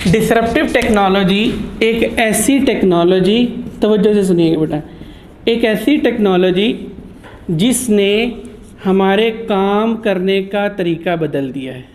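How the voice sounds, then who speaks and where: A man's voice: high voice, takes it slowly, slight background noise. A man giving a chatty classroom lecture, teasing his students and mixing in English terms. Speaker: teacher.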